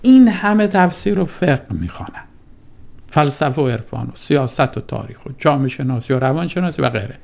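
A man giving a reflective religious talk in a deliberate, rhetorical way, piling up lists and questions. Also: mid-range voice, lively intonation, creaky, a little mellow.

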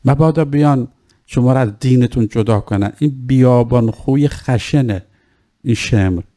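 A man's voice: medium pitch, dark tone. A man preaching a religious sermon. He moves between formal reading and casual explanation, and urges his listeners earnestly. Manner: earnest, exhorting.

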